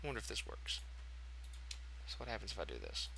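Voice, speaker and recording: A man's voice: fairly low pitch, wildly swooping pitch, quick pace, gravelly, pushed and bright, slight background noise. A man hosting a casual game tutorial, chatty and thinking aloud as he corrects himself. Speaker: tutorial host.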